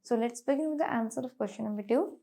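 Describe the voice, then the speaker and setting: A woman teacher giving a classroom lecture. She reads answers slowly and explains them quickly, often addressing the class. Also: a little high, creaky, dark tone, a little hiss or hum.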